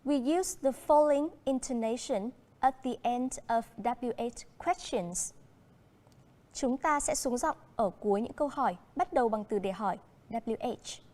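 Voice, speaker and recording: A woman with a Vietnamese accent teaching a primary school English lesson, speaking slowly and clearly and switching between English and Vietnamese. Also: on the high side, darkish tone, big-room sound.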